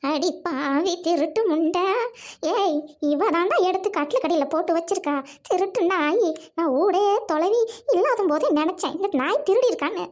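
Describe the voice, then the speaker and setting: A woman's voice: extremely high pitch, lively intonation, normal speed, a little mellow. A woman playing a spiteful, scheming village mother-in-law in a family skit, scolding her son and plotting against her daughter-in-law. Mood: accusing. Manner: scheming, scolding, wailing theatrically.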